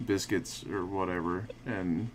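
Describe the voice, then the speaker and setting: A man's voice: sits low, fairly even intonation, unhurried, a little hiss or hum. A man co-hosting a casual podcast, joking around and slipping into mock voices. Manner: jokey, slips into mock voices. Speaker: co-host.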